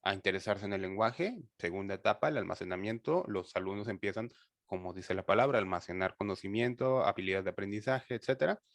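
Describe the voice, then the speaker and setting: A man with a fairly low voice teaches over a video call, talking in a loose conversational way full of fillers and restarts. The sound is dry and close, with no room around it. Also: fast, no echo. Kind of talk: online class explanation.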